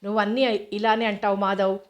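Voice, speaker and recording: A woman's voice: mid-range voice, little pitch movement, a little fast, dull audio, close to an everyday voice. A woman reading the lines of a pampered teenage girl who coaxes and wheedles. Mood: coaxing. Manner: wheedling, coaxing.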